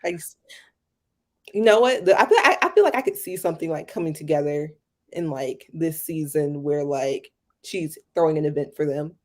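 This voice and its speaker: A woman's voice: low-pitched, animated, normal speed. A woman co-hosting a show review podcast, chatting casually and filling her talk with "like" and "um". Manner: chatty, many fillers like "like" and "um". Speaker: podcast co-host. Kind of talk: casual chat.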